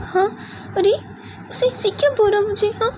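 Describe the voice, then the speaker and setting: A shrill young woman near tears, protesting hard in a high, strained voice, as a woman storyteller puts her on. She sounds hurt and indignant throughout. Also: moderate pace, noisy background. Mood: hurt, accusing.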